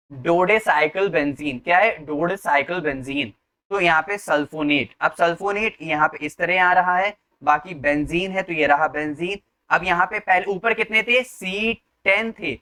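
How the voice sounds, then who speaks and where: Guy teaching chem, bright voice, keeps saying okay and asking how many carbons. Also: sits high. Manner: repeats "ठीक है" and quizzes the viewer with questions; slows down to read English lines word by word. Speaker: chemistry teacher. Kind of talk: classroom-style lecture.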